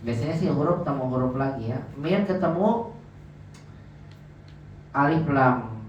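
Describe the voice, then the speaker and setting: A man's voice: mid-range voice, expressive, a little slow, a little hiss or hum. A man teaching Arabic grammar in class, who asks questions and answers them himself and drags out the example words. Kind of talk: classroom lesson. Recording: echoey, dull, from far off.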